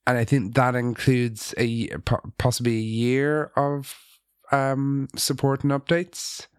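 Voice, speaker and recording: A man's voice: medium pitch, level tone, takes it slowly, smooth, dry recording, clean studio sound. A man co-hosting a casual tech podcast about app development, talking in a hesitant way with many ums and restarts.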